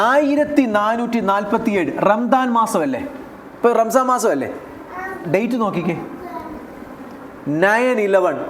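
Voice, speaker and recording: A man's voice: high voice, reverberant, a little hiss or hum. A man with a Malayali accent preaching a sermon as pastor, asking the congregation rhetorical questions and repeating key phrases. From India. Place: church hall.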